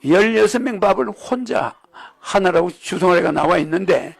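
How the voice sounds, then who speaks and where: A man's voice: high-pitched, lively intonation, normal speed, gravelly, husky. A man giving a rambling sermon-style religious lecture, often checking in with the audience with "you know what I mean?". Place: lecture hall.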